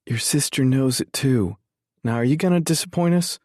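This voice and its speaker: A man's voice: mid-range voice, moderate pace, a little mellow, no room sound, pitched above the performer's own voice, close to an everyday voice. Man doing a mother's voice, raised well above his own, emotional, stern and pleading, dry close sound. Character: eager, emotional middle-aged mother.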